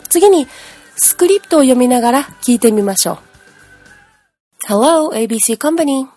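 A woman's voice: fairly high pitch, sing-song, fast talker, warm tone, soft background music. A woman teaching English pronunciation in a chatty, explanatory way, humming out speech rhythms. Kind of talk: language lesson.

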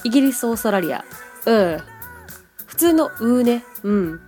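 A Japanese woman with a fairly high voice hosts a podcast lesson on English pronunciation. She talks in a chatty, friendly way and slows down to speak careful English. Faint music plays underneath. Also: very animated, mellow. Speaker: podcast host and English teacher.

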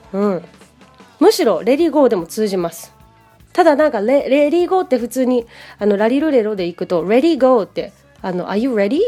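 A woman talks through a relaxed pronunciation lesson in a mellow, darker voice, chatty and full of little fillers. She slows down to model English phrases clearly for the listener to repeat, with faint music playing softly behind her. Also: on the high side. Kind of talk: casual solo lesson, podcast-like.

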